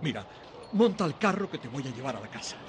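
A man's voice: medium pitch, very animated, quick pace, noisy background, natural voice. An actor voicing a blunt, caring small-town policeman in a dubbed film drama. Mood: concerned.

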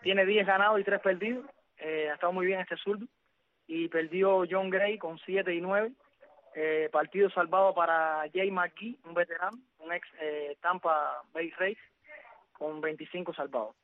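A man's voice: high-pitched, steady tone, measured pace. A man hosting on sports radio, going methodically through baseball results with frequent "eh" fillers. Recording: dry, phone-like narrow sound.

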